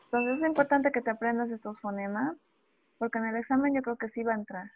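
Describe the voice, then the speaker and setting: Dull-sounding woman teacher, higher voice. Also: slight background noise. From Bolivia. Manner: demonstrates speech sounds slowly and repeats examples. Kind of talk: online language lesson. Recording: dull dry lo-fi audio.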